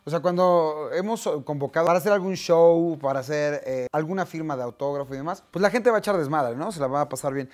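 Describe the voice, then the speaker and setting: A man in his thirties with a Mexican accent, casually telling anecdotes to camera in a slangy, lively way. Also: on the high side, fast, few pauses. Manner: chatty, slangy, acts out quoted voices. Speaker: vlogger.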